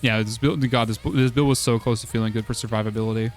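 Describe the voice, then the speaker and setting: A man going hoarse late in a long stream, talking through game builds in a loose, rambling way. His pitch sits in the middle range, and his sentences trail off in fillers and restarts. Soft music plays faintly behind him. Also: steady tone, fast talker. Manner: rambling, full of "uh" and "like". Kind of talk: casual game strategy talk.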